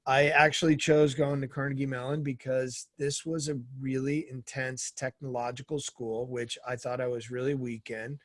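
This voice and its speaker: A middle-aged man, a guest in an interview, telling energetic stories and acting out the dialogue in them. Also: medium pitch, normal speed, hardly any pauses, dry recording, studio quality. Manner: energetic storyteller who acts out quoted dialogue. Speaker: guest, former Navy SEAL and author. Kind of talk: casual interview storytelling.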